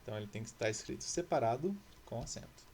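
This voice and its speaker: A man's voice: mid-range voice, animated, fast talker, darkish tone, a little hiss or hum. Patient man teaching a grammar lesson. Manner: patient, explanatory, asks rhetorical questions.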